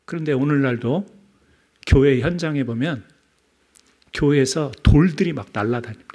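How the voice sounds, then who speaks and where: A man preaching a sermon in a church, asking the congregation questions and dropping from loud emphasis to near-whispers. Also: mid-range voice, moderate pace. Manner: asks the congregation rhetorical questions. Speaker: pastor. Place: church sanctuary.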